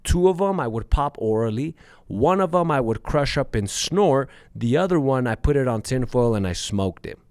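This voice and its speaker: A man's voice: mid-range voice, animated, normal speed, a little mellow, smooth, dry recording. A man in his thirties hosting a show, telling a personal story to his listeners in a candid, profane way and calling them guys. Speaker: podcast host.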